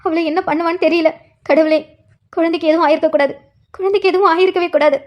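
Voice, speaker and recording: Cartoon role: a woman playing an anguished mother, high and quick, pleading. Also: steady tone. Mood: anxious. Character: worried middle-aged mother, tearful.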